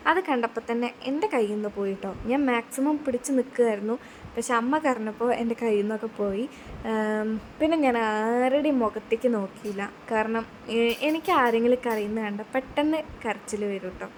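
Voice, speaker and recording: A woman's voice: on the high side, slight background noise. A young woman narrating a family video as a vlogger, chatty and a little shy, with many hesitant fillers. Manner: admits to being shy on camera.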